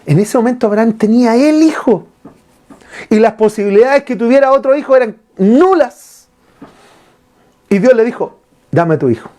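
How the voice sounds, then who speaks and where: A man's voice: extremely high pitch, normal speed, long pauses. A man preaching a sermon as pastor, asking his listeners questions and retelling scripture. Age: adult father. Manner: lively preaching with rhetorical questions to the congregation.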